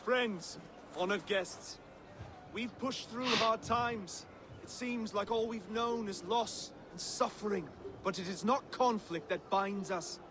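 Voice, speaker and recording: A man voicing a gentle, earnest Saxon king in a video game, speaking in a measured, formal, oratorical way. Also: sits high, background noise.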